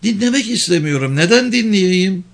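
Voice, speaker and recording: A man's voice: fairly high pitch, moderate pace, pitched above the performer's own voice, close to an everyday voice. Distraught young mother, as a male reader puts her on, raised, shaky, pleading tone, audiobook. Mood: desperate arguing. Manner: tearful, urgent, pleading.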